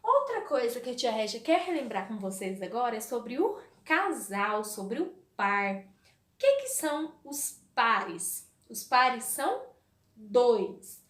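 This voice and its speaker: A Brazilian Portuguese woman gives a literacy lesson to young children. Her voice sits high and swoops widely as she draws out each word slowly. She asks questions and answers them herself, and the room has a noticeable echo. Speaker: primary school teacher.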